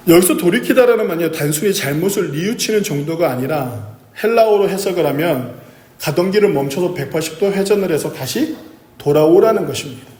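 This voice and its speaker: A pastor preaching a sermon, asking the congregation questions and answering them himself. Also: male voice, a little high, expressive, a little fast, darkish tone. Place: church sanctuary. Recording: echoey church hall.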